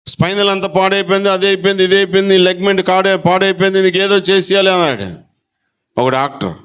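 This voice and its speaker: A man preaches in church. His voice sits a little high and sounds smooth and resonant. He moves between loud calls to the congregation and soft, low asides, and acts out conversations as he goes. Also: fast talker. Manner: animated preaching, with sudden drops to a low, soft voice. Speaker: pastor. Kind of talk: sermon.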